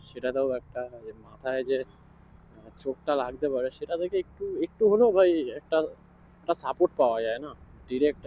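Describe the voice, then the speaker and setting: Man, bike taxi vlogger, quiet casual talk, riding outdoors, slightly dull sound, faint road noise. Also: mid-range voice. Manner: talks quietly because his mic distorts. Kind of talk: casual ride-along vlog chat. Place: outdoors on a scooter in city traffic. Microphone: action camera mic while riding. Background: wind and traffic noise.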